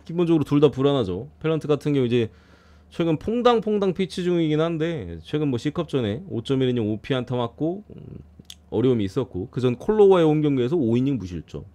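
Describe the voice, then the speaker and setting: A man giving a casual streamed preview of baseball games, blunt and quick to swear and grumble. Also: fairly high pitch, big pitch swings, mellow. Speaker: baseball betting analyst streamer.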